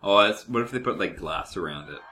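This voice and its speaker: Deep-voiced deadpan man on a podcast. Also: brisk, over a noisy crowd. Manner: deadpan, rambling jokey delivery. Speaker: podcast co-host. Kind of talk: casual podcast chat. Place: office. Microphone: podcast mic.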